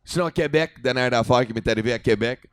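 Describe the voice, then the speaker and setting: A man's voice: medium pitch, fast, clear, resonant tone. A young adult man with a Quebec French accent, a comedian telling a story casually, swearing freely and mixing in English. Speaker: comedian guest. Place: podcast studio at a comedy festival.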